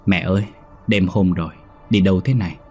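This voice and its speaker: A man's voice: deep voice, steady tone, a little fast, a little mellow, slightly rough, soft background music. A man voicing a worried middle-aged son in a spoken horror story, urging his mother home. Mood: urgent, pleading. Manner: urgent and pleading.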